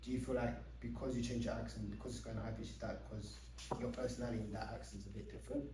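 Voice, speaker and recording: This young podcast host has a fairly low, flat voice and talks fast. In a casual chat he explains things eagerly and at length, packing in lots of fillers, and the distant mic gives the recording a roomy sound.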